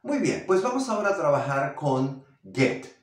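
Male language teacher, animated pitch, unhurried delivery, heavy room echo, mic at a distance. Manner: slow, drawn-out model phrases. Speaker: English teacher. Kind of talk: language lesson. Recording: echoey room, far from mic.

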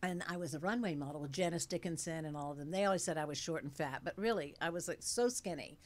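Low-sitting and fast, the voice belongs to an actress in her late sixties who is guesting on a casual interview. She chats animatedly with many fillers at a studio mic on a stand, in a studio with dark curtains and blue lights.

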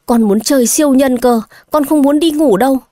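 A woman's voice: high-pitched, fairly quick, dark tone, no echo, clean studio sound, voice pushed up, close to an everyday voice. A woman voicing a simple-minded grown man who talks like an eager, clingy child, in an audio story. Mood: childlike eager. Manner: childish pleading tone.

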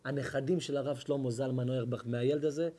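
A man, a rabbi telling a sermon story and acting out its dialogue, swinging between hushed lines and loud bursts. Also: medium pitch, steady tone, husky. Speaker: rabbi giving a Torah lesson. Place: hall at an evening lecture.

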